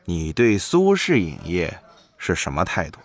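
A woman's voice: rumbling low, huge pitch swings, unhurried, voice pushed down, full character voice. A woman voicing a lazy, shameless female company boss in an audio novel, in an offhand drawl.

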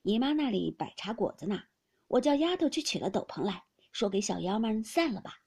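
A woman voicing a fussy, grumbling old female wet nurse who complains loudly and sounds aggrieved, in a storybook reading. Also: medium pitch, very animated, a little fast, slightly rough. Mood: coaxing.

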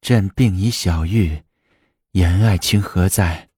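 An aged empress, weak from illness yet imperious, as a man voices her. The words come slow, faint and drawn out in a low register. The recording is dry and close. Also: dark tone, husky, no room sound, full character voice. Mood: calm.

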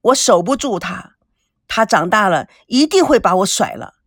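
A cheeky, brash young joker, as a woman puts him on in a storybook, playful and quick to tease. The pitch jumps around a lot, and the sound is dry and close. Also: lively intonation, no room sound, natural voice. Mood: wistful. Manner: joking, cheeky, sometimes sighing.

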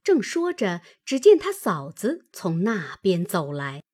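A woman reading a classic novel aloud as narrator, in an expressive, measured manner. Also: on the low side.

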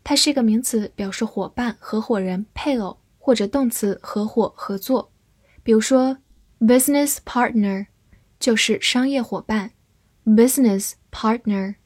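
A woman teaching English vocabulary in a scripted lesson, spelling words out letter by letter and reading example sentences slowly. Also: fairly high pitch, a little mellow, breathy edge, dry recording.

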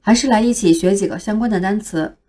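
This woman teaches English pronunciation through a scripted phonics lesson, her voice medium in pitch and dark in tone. She moves slowly, spelling each word letter by letter with care.

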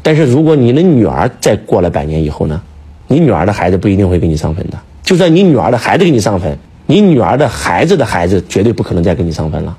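Husky, fast-talking man lecturing emphatically. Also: lowish voice, sing-song, mellow. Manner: emphatic, lecturing, rhetorical questions. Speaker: speaker, teacher. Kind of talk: casual preaching chat.

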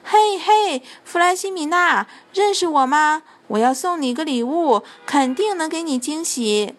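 A woman's voice: on the high side, moderate pace, faint music behind, close to an everyday voice. A kindly old storybook Santa who calls out heartily and grumbles under his breath. A woman voices him without much disguise. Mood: hearty.

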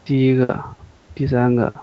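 A woman's voice: rumbling low, level tone, measured pace, dull audio. A woman student in a pronunciation lesson, giving short, hesitant answers.

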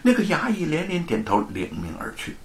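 A man telling a story in a dramatic, expressive way. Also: a little high, a little fast. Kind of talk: storytelling narration.

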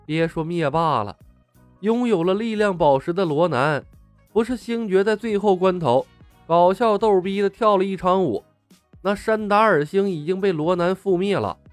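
Blunt, grumpy young guy, fairly high voice, as a narrator reads him. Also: moderate pace, no room sound, faint music behind, close to an everyday voice. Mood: exasperated. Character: sullen, exasperated young man.

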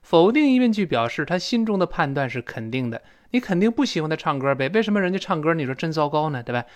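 A man's voice: a little high, big pitch swings, fast talker. A male English teacher explaining pronunciation in a recorded lesson, chatty, correcting himself and drawing out sounds to demonstrate.

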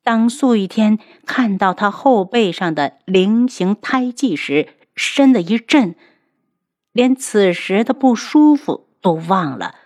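A woman narrating a martial-arts web novel in a steady, unhurried storytelling manner. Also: mid-range voice, no room sound, studio quality. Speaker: audiobook narrator.

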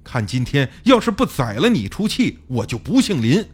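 A man voicing a furious, hot-tempered man who shouts threats and curses in an audiobook story. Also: medium pitch, sing-song, moderate pace, slightly rough. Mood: raging.

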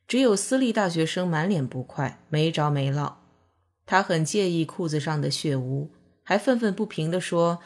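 A woman narrating a novel as an audiobook, in calm, measured storytelling. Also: low voice.

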